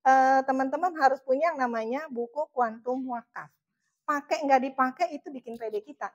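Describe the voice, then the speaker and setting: A woman's voice: high voice, muffled recording. A woman giving a casual, emphatic motivational training talk and laughing often. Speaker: motivational trainer for charity fundraisers.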